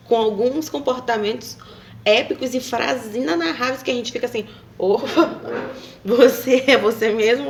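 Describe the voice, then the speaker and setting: A woman's voice: mid-range voice, creaky, a little hiss or hum. A woman talking casually to camera, rambling and hesitant, with many fillers and tag questions. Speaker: vlogger.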